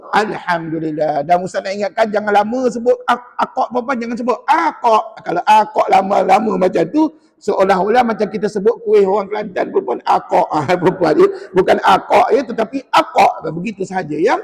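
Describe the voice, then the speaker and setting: High-voiced male teacher in a reverberant mosque. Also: fast talker, a little mellow, slightly rough. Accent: Malaysian Malay. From Malaysia. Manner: coaching, quizzing the class and modelling sounds. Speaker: Quran recitation teacher. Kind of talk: classroom recitation lesson. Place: mosque hall.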